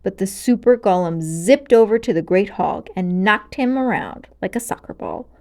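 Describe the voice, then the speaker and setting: Here a woman tells a children's story from a book, giving it expressive, dramatic energy and clear pacing. Her pitch is mid-range and her speed normal.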